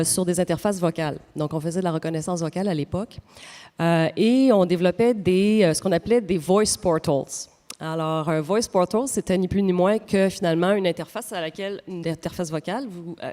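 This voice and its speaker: A middle-aged woman with a Quebec French accent explains her view on a panel, pausing on fillers and telling anecdotes. Her voice sits a little low. The sound carries the long reverb of a hall. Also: a little mellow. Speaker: AI company representative. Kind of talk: panel answer to audience question.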